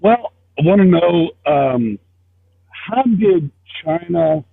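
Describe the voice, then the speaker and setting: A man's voice: a little high, animated, takes it slowly, vocal fry. Muffled man, as if through a wall. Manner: persistent questioning. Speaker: caller on a livestream. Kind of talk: casual call-in chat. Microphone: headset. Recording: muffled lo-fi phone-like line.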